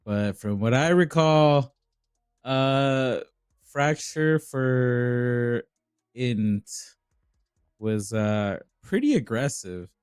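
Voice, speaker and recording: A young man calls an esports match in a laid-back, rambling way, pausing to gather his thoughts. His voice is smooth and clear and his delivery is slow, with the sound close and dry. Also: medium pitch, no room sound. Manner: relaxed, rambling with frequent uh and restarts. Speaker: esports caster. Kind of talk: live esports commentary.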